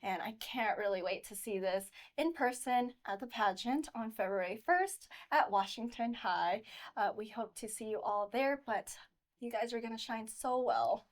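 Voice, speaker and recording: Female interview host, higher-pitched voice, effusive and encouraging with guests. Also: normal speed. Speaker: host and pageant coach. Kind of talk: interview hosting.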